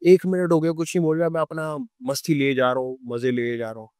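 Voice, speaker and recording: A young man with a Delhi Hindi accent telling a true ghost story on a podcast, animated and acting out the scenes. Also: a little high, brisk, smooth, no room sound, studio quality. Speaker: podcast guest.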